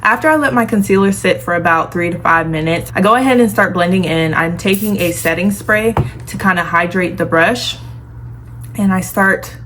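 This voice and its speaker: A woman's voice: medium pitch, a bit bright. A woman vlogger giving a casual, chatty makeup tutorial, talking familiarly to viewers with a lisp from the retainer she is wearing. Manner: girly, familiar asides to viewers. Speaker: beauty vlogger. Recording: clear background noise, room ambience.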